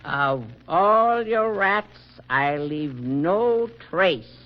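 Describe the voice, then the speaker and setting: In a 1940s radio drama heard through a dull old broadcast, an actor plays the Pied Piper, a mysterious male wanderer. His voice is on the high side and animated, and he speaks in a measured, courtly way with a bargaining mood.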